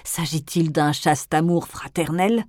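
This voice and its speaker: A woman voicing a cold, menacing elderly aristocratic grandmother in an audiobook, speaking in hushed, often whispered tones that swell into threats. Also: low voice, a little slow, dry recording, studio quality. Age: older. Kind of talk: audiobook character reading.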